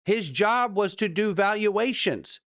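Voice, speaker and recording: A man's voice: high-pitched, expressive, slow, a bit bright, dry recording, clean studio sound. A man hosting a cryptocurrency show with crypto bro hype, addressing viewers emphatically and throwing rhetorical questions at them. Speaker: host of a cryptocurrency news show. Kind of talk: hype-driven market commentary to viewers.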